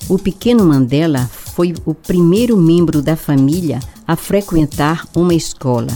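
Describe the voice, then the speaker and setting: A Brazilian woman hosting as a grandma storyteller, narrating for children in a measured fireside storytelling manner. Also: sits low, expressive, warm tone. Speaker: storyteller host of a children's radio segment, presented as grandma. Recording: faint music behind.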